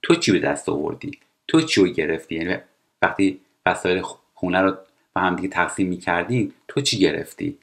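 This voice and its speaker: A man teaching English, explaining TV dialogue line by line and reading English phrases slowly and carefully. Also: low-pitched, lively intonation, gravelly. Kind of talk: language lesson explaining TV dialogue.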